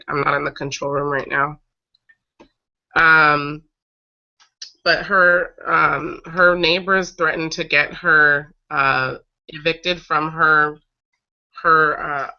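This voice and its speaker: Over a video call, the host of an online breastfeeding advocacy show chats casually on a live webcast, telling stories as she recovers from a cold. Her low, bright voice is slightly raspy, and she speaks haltingly, frequently stopping mid-sentence to collect herself. The webcast audio is dull and lo-fi.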